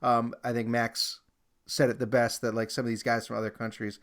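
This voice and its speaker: A man's voice: mid-range voice, brisk. A man co-hosting a casual soccer podcast, joking and swearing freely. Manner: joking, profane, lively. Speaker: podcast co-host. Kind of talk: casual sports podcast chat.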